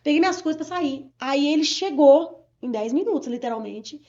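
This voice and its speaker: A woman from Bahia, Brazil, giving an earnest personal testimony in an interview, talking quickly with many restarts. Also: sits high, expressive, dark tone. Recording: dull lo-fi sound.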